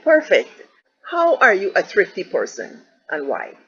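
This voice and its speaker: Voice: mid-range voice, wildly swooping pitch, unhurried, a bit bright. An interviewer introducing a guest and asking questions, encouraging the guest with short replies. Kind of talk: casual interview. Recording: dull, lo-fi audio.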